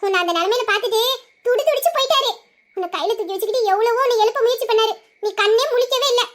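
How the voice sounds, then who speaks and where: A woman doing a giggly, high-voiced young friend. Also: very fast. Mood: excited. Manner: animated, giggly retelling. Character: chatty young woman, the patient's caring friend. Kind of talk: amateur audio drama.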